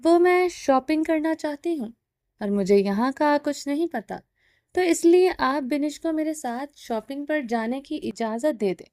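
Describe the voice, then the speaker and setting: A woman reading the lines of a defiant, sharp-tongued young wife who answers back indignantly, in a storybook reading. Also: high voice, expressive, no room sound, clean studio sound. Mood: coaxing. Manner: indignant, quick retorts.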